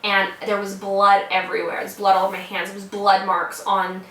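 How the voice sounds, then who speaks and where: A woman's voice: mid-range voice, level tone, fairly quick, sharp tone. Young American woman telling a story. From United States. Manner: casual, swears freely, filler "like" throughout. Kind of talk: casual personal storytelling. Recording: roomy sound from a distant mic.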